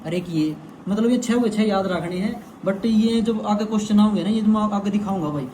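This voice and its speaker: A man's voice: high voice, normal speed, mellow, slight background noise. A young man teaching an exam-prep lesson in a chatty way, often calling the viewer "brother". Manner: chatty, repeats "bhai" to the viewer. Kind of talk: casual explainer lesson.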